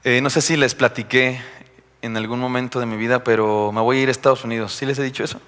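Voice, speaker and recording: Young Mexican preacher in a reverberant church. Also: male voice, mid-range voice, steady tone, fast, fairly bright tone, clean tone. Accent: Mexican Spanish. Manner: chatty, confiding, jokes with the congregation. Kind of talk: sermon. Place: church hall. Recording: live stream in a reverberant church.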